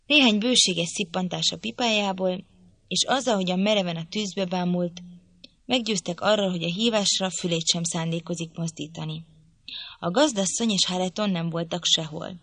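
A woman narrating a literary audiobook in a measured, even storytelling manner. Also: on the low side, dry recording.

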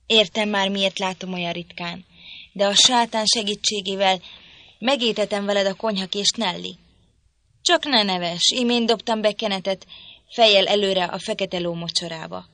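A woman putting on a violent drunken young father, loud, ranting, threatening, dry studio sound. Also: mid-range voice, expressive, no room sound. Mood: raging. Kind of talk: audiobook reading.

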